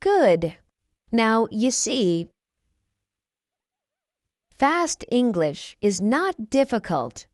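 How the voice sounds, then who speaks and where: Very slow, animated woman teaching English. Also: fairly high pitch, no room sound, studio quality. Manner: clear, careful drilling, repeats each phrase. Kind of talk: slow scripted language lesson.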